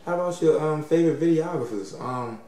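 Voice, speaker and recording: Mellow DC-man, very echoey. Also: fairly high pitch. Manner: halting questions, repeated short agreements. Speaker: interviewer. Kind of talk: casual interview. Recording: echoey room, distant mic, faint noise.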